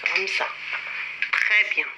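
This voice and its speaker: A woman teaching French to young children in a slow, drawn-out way, counting strokes aloud and having the class repeat after her. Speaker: primary school French teacher. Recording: dull lo-fi recording with clear background noise.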